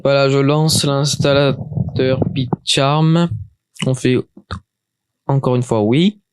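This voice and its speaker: A man's voice: mid-range voice, steady tone, takes it slowly, smooth. Hesitant man giving a chatty tutorial. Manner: hesitant, many restarts and fillers, chatty. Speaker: tutorial maker. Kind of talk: casual screen-recorded software tutorial.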